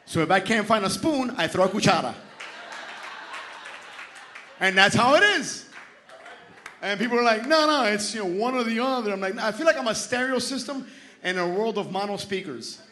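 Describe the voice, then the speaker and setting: High-voiced Miami comic mixing Spanish. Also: male voice, big pitch swings, unhurried, long pauses, sharp tone, slight background noise. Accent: Miami Cuban-American. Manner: switches between English and Spanish mid-sentence. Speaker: stand-up comedian. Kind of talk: stand-up comedy set. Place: comedy club stage.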